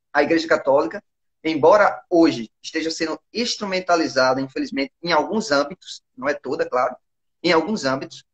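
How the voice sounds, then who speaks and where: Brief: Brazilian guy, early 20s, raised pitch, earnest interview guest who keeps checking in with the listener. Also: fairly bright tone. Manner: earnest and explanatory, often asks for agreement. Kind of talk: conversational interview.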